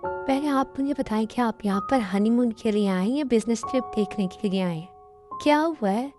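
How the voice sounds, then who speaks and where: A woman's voice: a little high, moderate pace, a little mellow, soft background music, natural voice. A woman voicing a sulky young wife in an amateur Hindi dubbed drama, speaking in a complaining, reproachful way.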